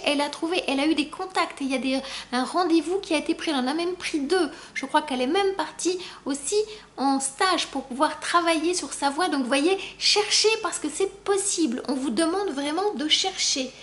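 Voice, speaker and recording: A woman spiritual coach passing on a channeled message in a gentle, encouraging way, a little halting with fillers. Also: high voice. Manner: gentle, encouraging, addresses listeners fondly. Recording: roomy echo.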